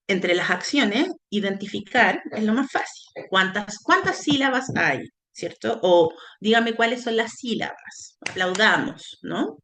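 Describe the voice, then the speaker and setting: A woman's voice: medium pitch, fairly bright tone, slight background noise. A woman lecturer explaining early childhood language teaching in a workshop, often checking in with her listeners as she goes. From Chile. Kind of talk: recorded teacher-training workshop talk.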